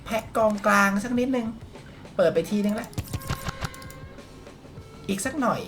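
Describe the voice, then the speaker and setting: A man doing excited gameplay commentary, yelping and shrieking at results and talking straight to his viewers. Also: high voice, unhurried. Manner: addresses viewers directly. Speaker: mobile game YouTuber. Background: background music.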